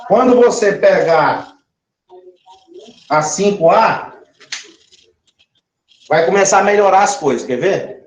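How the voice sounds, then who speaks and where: The chemistry teacher here takes things slowly, pausing often, with a high voice and lively intonation. Drawing out his words, he checks repeatedly that students follow, in a recorded classroom lesson set in an echoey room.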